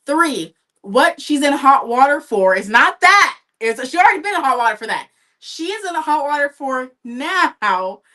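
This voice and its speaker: A woman on a livestream talks casually while painting, her voice bright and forward. She tells gossip in a chatty, animated way, jumping between thoughts. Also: on the high side. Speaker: livestream co-host. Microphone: livestream setup.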